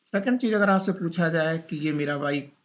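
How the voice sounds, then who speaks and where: A man teaches a class, speaking slowly and repeating each point so students can write it down. His voice sits a little on the high side. The recording is dull and lo-fi. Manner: slow, repetitive dictation with questions to students. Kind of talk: classroom lecture.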